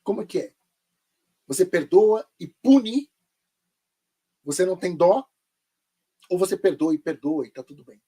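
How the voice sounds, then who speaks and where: A man's voice: high-pitched, animated, unhurried, pauses often, mellow, breathy edge. A man teaching a live online Bible lesson, sarcastic and full of rhetorical questions.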